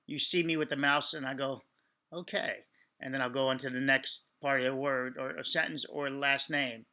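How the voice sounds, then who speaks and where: A man hosting a reaction video, giving off-the-cuff explanatory commentary with halting, repetitive phrasing. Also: medium pitch, fairly even intonation, sharp tone, clean tone.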